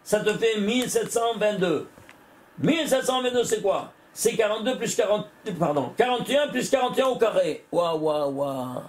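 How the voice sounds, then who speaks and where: A man's voice: sits high, expressive, moderate pace. A rabbi giving a Torah lesson to a class, working through sums aloud and quizzing his listeners with rhetorical questions.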